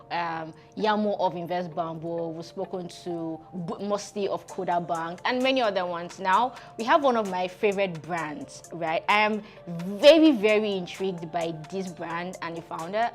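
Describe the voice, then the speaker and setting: A woman hosting a tech founders interview show, bubbly and enthusiastic. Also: fairly low pitch. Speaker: host.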